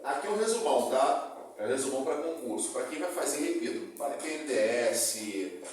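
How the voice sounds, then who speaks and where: A man with a Brazilian Portuguese accent teaches a class, often checking in with students and repeating examples. His medium-pitched, darkish voice has lively intonation at a normal speed, captured by a distant mic in a very echoey room with faint noise.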